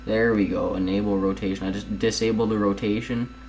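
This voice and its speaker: A young man with a fairly low voice talks through his editing steps at home in a chatty, meandering way. He drifts off topic and keeps turning to his viewers. A faint hiss sits under the voice. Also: little pitch movement, a little fast, a little mellow, poor audio. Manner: rambling, chatty, keeps addressing viewers as guys. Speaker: video editing tutorial host. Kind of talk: casual screen-recorded tutorial.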